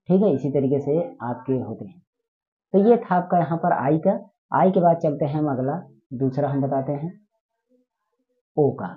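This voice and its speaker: A man teaches a spoken lesson at a middling pitch, drilling words over and over and firing quick questions at his listeners. The sound is thin and tinny, like it comes through a phone line. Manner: repetitive, quizzing listeners with questions.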